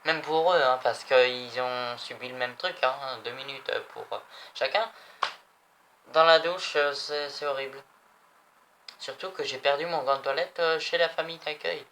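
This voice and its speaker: A man's voice: medium pitch, normal speed, sharp tone, slight background noise. A young man chatting casually in a vlog, rambling and repeating himself. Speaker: vlogger. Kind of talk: casual chat showing souvenirs.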